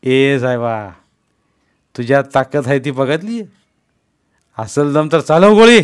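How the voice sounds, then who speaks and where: A man voicing a rough, defiant village cart driver who talks in rustic speech, raised and threatening, in a storybook reading. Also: mid-range voice, slow pace, lightly acted.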